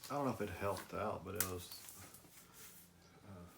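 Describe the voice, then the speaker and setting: A middle-aged man casually talking through his graded comic collection in slow, measured explanations with some filler words. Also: deep voice, creaky, noisy background. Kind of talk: casual chat.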